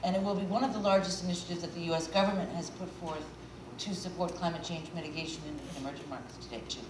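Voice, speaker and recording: Middle-aged woman, halting panel answer. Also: lowish voice, fairly even intonation. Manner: hesitant, many "uh" fillers, listing. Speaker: panelist, finance official. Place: conference stage, indoors. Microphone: lapel mic. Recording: echoey hall, distant mic, noise.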